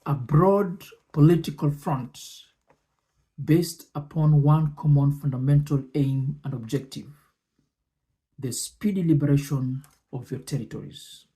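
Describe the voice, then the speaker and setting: Presenting speech excerpts and remarking on them, this man speaks with a dark tone at a pitch on the high side. His delivery is careful and measured, broken by frequent pauses between brief phrases.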